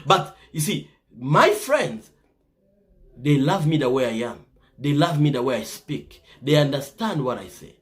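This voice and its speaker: Speaking unhurriedly at medium pitch with big swings in intonation, a man from the Congo gives life advice as a vlogger. His Congolese-accented delivery is earnest and casual, frequently punctuated by "right?".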